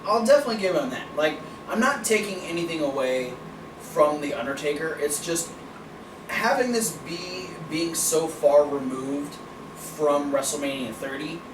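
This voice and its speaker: A man's voice: fairly high pitch, animated, normal speed. A man hosting a casual wrestling review podcast, laid-back, laughing often and swearing casually. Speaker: podcast host. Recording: roomy, distant mic, noisy background.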